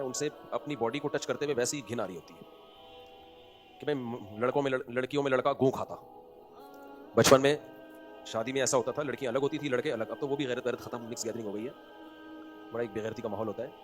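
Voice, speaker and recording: A man with a Pakistani Urdu accent giving an Islamic sermon, swinging between loud emphatic points and quiet asides, asking rhetorical questions and answering them himself. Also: medium pitch. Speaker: religious scholar giving a lecture.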